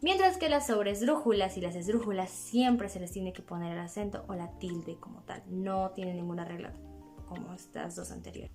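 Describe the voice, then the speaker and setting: A woman's voice: medium pitch, a little mellow. A young woman with a Mexican Spanish accent giving a chatty school presentation, asking rhetorical questions and using fillers as she explains. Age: young adult. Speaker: student presenter. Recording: faint background music.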